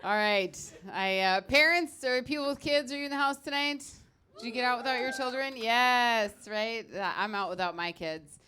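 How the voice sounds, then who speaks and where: A woman in her thirties doing a stand-up comedy set on a club stage, with a brash, profane, tired deadpan delivery. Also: on the high side, moderate pace.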